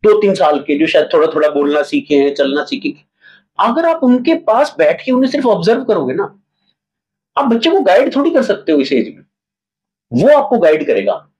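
In a relaxed interview, this man who writes and stages plays tells lively stories and performs small examples along the way. He speaks at a moderate pace in a high, slightly rough voice, captured on a low-quality recording.

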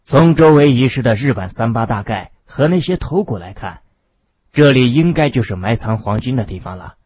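Husky male storyteller, mid pitch, dry dull lo-fi recording. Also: lively intonation, moderate pace, no room sound. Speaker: audiobook narrator. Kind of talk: storytelling narration.

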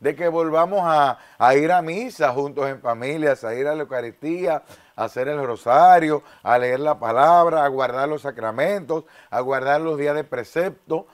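A man's voice: fairly high pitch, moderate pace, smooth. A young man hosting a faith interview show in a TV studio, on a lapel mic, affirming and preaching in asides. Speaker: host. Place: TV studio set.

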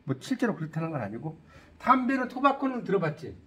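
A middle-aged teacher talks fast in a fairly high voice, explaining English in Korean. His lecture is lively, full of questions for students and playful jokes.

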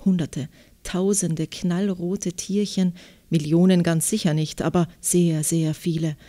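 A woman author with an Austrian German accent, answering interview questions and reading from her novel in a measured, thoughtful way. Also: fairly low pitch, fairly even intonation, dark tone. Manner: measured, thoughtful, reflective pauses.

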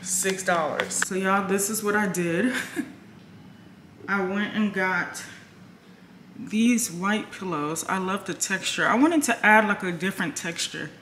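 A woman's voice: medium pitch, slow, fairly bright tone, echoey room, slight background noise. A young woman, chatting casually to her viewers in a home vlog. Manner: chatty, addresses viewers as "y'all". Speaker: vlogger. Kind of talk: casual vlog chat to camera.

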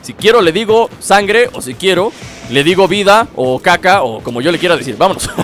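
A high-pitched young man, narrating his game and taunting enemies with playful shouts. Loud game music runs under his voice. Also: lively intonation, a little fast. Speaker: gameplay commentator. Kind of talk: casual gameplay commentary.

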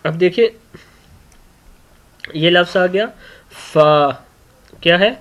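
Slow, patient male reading teacher. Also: sits high, fairly bright tone. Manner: repeats each sound many times, clears throat often. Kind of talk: slow letter-by-letter lesson for children. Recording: dull lo-fi recording.

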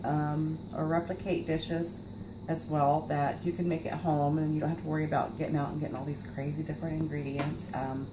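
A woman in her forties hosts a casual home cooking show, recorded on a camera mic in her kitchen with a noisy background. Her voice is low-pitched, and she's chatty, self-deprecating, and full of fillers.

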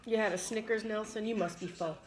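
A woman's voice: medium pitch, fairly even intonation, fairly quick. A woman in her thirties chatting on a home live stream while eating, with dry, teasing comebacks. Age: 30s. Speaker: mukbang co-host. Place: home kitchen at a dining table.

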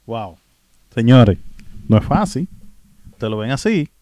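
A man's voice: medium pitch, very animated, takes it slowly, dark tone, no echo. A man with a Dominican accent hosting a reaction video, talking emphatically to his viewers and repeating phrases for effect. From Dominican Republic. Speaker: host, reaction commentator.

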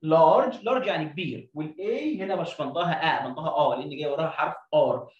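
A man's voice: fairly high pitch, fast, a little mellow, roomy sound, distant mic, highs cut off. A man with an Egyptian Arabic accent teaching an English lesson, drilling pronunciation by repeating sounds. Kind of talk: video lesson.

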